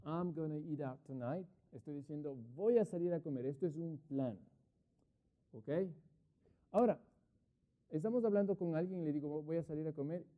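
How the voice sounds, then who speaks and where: A middle-aged man teaches an online English class, his voice a little higher than most men's. He explains patiently, checks in with the class, and slows right down to spell out each English example. The sound is thin and phone-like. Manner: patient explaining, asks rhetorical questions, drops to writing pace on English examples.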